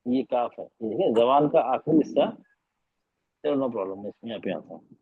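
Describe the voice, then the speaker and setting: A man's voice: medium pitch, expressive, moderate pace, breathy edge, narrow, tinny audio. A man teaching an online class, explaining patiently and repeating his points, mixing in English phrases. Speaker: tajweed teacher. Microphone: video call.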